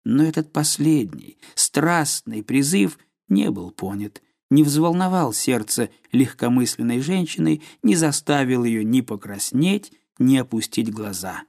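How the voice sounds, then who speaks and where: A man narrating a classic novel as an audiobook, in a measured, literary reading with dramatic pauses. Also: medium pitch, lively intonation, creaky, darkish tone.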